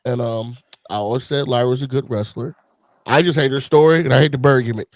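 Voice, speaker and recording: A man's voice: fairly even intonation, brisk, no echo. A man co-hosting a casual wrestling podcast, talking in a gleeful, gloating way. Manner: gleeful, gloating, jumps high in pitch. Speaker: podcast co-host.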